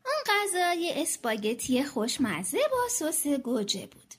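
High, lively woman reading a story. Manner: animated, expressive.

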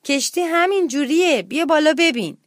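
A woman's voice: high-pitched, animated, no room sound, clean studio sound, voice pushed up. A woman voicing a cheerful, easygoing rabbit sailor in a children's story, reassuring and coaxing.

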